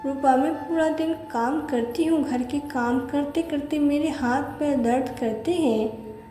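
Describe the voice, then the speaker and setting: A woman's voice: sits high, measured pace, mellow, echoey room, big-room sound, faint music behind. A woman voicing a meek, overworked young wife who speaks timidly and pleadingly.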